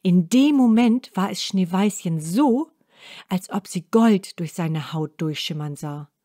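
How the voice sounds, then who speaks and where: Slow, expressive woman storyteller. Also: medium pitch, no echo, studio quality. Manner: slow, clear, expressive fairy-tale telling. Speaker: narrator. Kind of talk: storybook reading for children.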